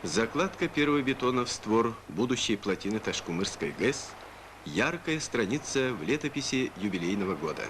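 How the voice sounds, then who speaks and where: A man's voice: mid-range voice, sing-song, moderate pace, noisy background. A man narrating an old newsreel in a formal, solemn, declamatory way, over music.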